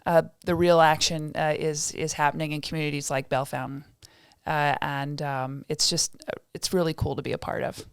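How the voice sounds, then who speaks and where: A state development director from Indiana talks as a podcast guest in a casual interview, chatty and full of fillers, restarts and self-deprecating laughs. Her voice sits low with a level tone at normal speed, clean and echo-free in studio-quality sound.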